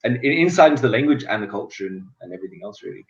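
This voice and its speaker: A man's voice: fairly low pitch, animated, rapid-fire, creaky. A young Australian man telling personal stories in casual chat, in a distant, echoey recording. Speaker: guest. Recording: echoey, distant, dull sound.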